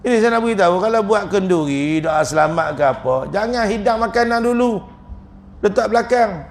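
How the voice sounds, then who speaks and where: Gravelly high-voiced Malaysian Malay preacher. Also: male voice, a little fast, slight background noise. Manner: joking, chuckles often, lively storytelling. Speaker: religious teacher. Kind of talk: humorous religious lecture.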